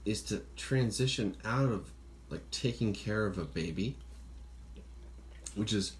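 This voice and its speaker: A podcast host rambles through a casual chat, swearing freely and acting out the voices of people he quotes. His voice sits on the low side with lively intonation at a measured pace. Faint background noise and birds outside can be heard.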